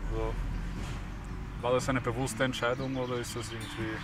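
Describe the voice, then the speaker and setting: A man in his thirties, a vlog host, runs a casual interview outdoors, on a hike through a mountain valley and at a garden table. His medium-pitched voice is flat and moderately paced. Heavy background noise runs throughout.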